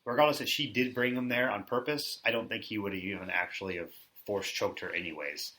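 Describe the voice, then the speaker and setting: A man's voice: on the low side, a little fast, pushed and bright. A man co-hosting a casual podcast, arguing his opinion at length. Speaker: podcast co-host.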